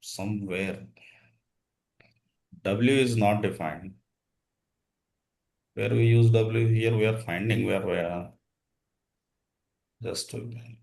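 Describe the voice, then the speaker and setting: A male instructor with a fairly low voice runs a coding lesson. He dictates code piece by piece in short fragments and puts brief questions to his students. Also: slow pace, vocal fry, pauses often, a little mellow.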